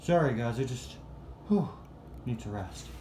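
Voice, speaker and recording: A man voicing a tired, sneezy male toy car who keeps apologizing in a gentle, worn-out way. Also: fairly high pitch, lively intonation, measured pace, reverberant, slight background noise.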